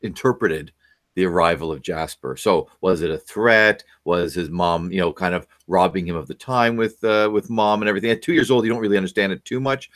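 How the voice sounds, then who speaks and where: A middle-aged male parenting expert, appearing as a guest over a video call from his home office, lectures on parenting and asks lots of questions, using frequent fillers. He has a deep, fairly bright voice and talks a little fast.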